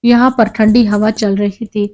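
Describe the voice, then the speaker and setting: A woman narrating a moral story in a steady storytelling manner. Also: medium pitch.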